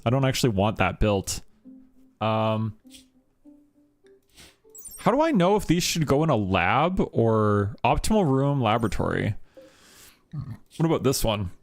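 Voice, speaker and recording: Playing a game on a live stream, a man with a mid-range voice chats casually and rambles, full of fillers and laughter. He becomes animated whenever he tells a story.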